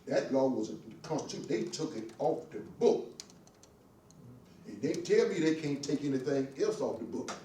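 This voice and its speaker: An older man and veteran speaking up in a church class, fiery and preaching, getting excited as he talks. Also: on the high side, moderate pace, distant mic. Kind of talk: impassioned discussion. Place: church meeting room. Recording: echoey room from afar, faint hiss.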